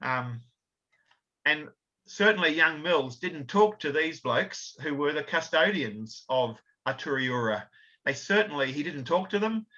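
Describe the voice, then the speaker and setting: A man's voice: fairly high pitch, pushed and bright. A man gives an illustrated history talk, explaining slides with fillers and self-corrections. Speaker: author and researcher giving a talk. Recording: slightly dull lo-fi audio.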